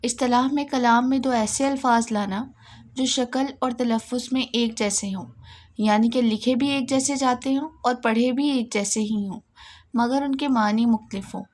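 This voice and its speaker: A woman's voice: on the high side, fairly even intonation, darkish tone. A woman with a Pakistani Urdu accent teaching a lesson, explaining step by step and repeating key points.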